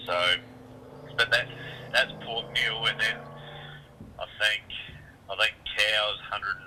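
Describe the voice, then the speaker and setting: An Australian man heard through a speakerphone, explaining things casually in stops and starts. His voice sits a little low and sounds very bright and sharp, with a faint hiss behind it. He often repeats and restarts phrases as he talks. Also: steady tone, slow pace, poor audio. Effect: heard over a phone on speakerphone. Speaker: caller from a local football club. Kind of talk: casual phone chat.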